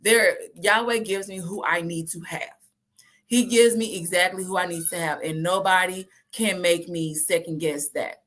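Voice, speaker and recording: A woman's voice: lowish voice, fairly even intonation, normal speed, fairly bright tone. Woman in her thirties, chatty, casual, does quoted voices. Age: 30s. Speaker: host. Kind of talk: casual talk to viewers.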